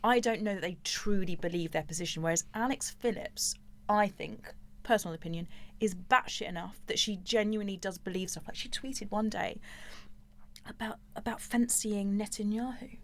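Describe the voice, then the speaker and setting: A woman co-hosts a conversational podcast, introducing guests and musing openly. She talks at an ordinary middle pitch and is unafraid to be blunt. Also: normal speed. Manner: chatty, speculative, blunt opinions. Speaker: podcast co-host. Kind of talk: casual interview chat.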